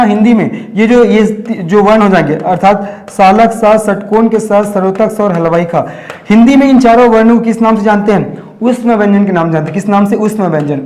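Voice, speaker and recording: High-voiced man teaching a grammar lesson. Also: darkish tone. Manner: asks and answers his own questions, repeats key terms. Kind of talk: exam-prep grammar lesson.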